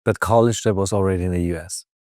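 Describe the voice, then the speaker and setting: A man hosts an interview in a lowish voice, keeping his questions short and adding brief acknowledgments. The sound is dry and close. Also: steady tone, quick pace, darkish tone, no echo. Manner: brief prompts and short backchannels.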